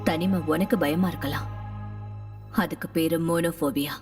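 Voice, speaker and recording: An actress playing a grieving mother haunted by her dead children, speaking calmly and cryptically in a film. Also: deep voice, moderate pace, over music, lightly acted. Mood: cryptic. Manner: calm, cryptic, intense. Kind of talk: film dialogue. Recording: distant mic under film score.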